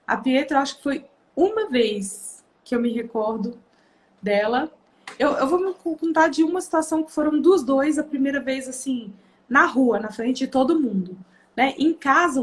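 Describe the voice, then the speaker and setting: A woman in her thirties with a Brazilian Portuguese accent, hosting a parenting video and telling family stories in a lively way. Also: high-pitched. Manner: animated, acts out quoted voices of her children. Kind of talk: casual storytelling to viewers.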